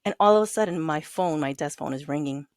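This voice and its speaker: A woman's voice: fairly quick, no echo, studio quality. A woman chatting casually on a podcast with her cousin, telling stories animatedly and acting out the quotes. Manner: animated storyteller, acts out quotes in high voices. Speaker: podcast co-host. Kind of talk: casual chat between cousins.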